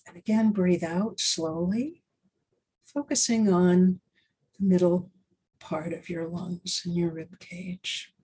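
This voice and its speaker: A woman talks a listener through a breathing exercise with slow, gentle, soothing instructions. Her voice is mellow and a little breathy, and she leaves long, unhurried pauses between phrases. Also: on the low side, steady tone, poor audio.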